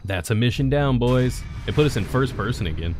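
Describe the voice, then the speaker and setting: A man giving casual gameplay commentary as a streamer, with excitable, joking, swearing reactions. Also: mid-range voice, fairly quick, a little hiss or hum. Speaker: gaming streamer.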